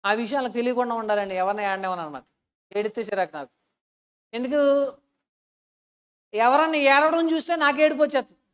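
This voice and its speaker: Earnest and emotional, a woman shares personal stories in her sermon, putting questions to her audience and shifting between hushed and loud. She speaks quickly on the high side, leaving long pauses.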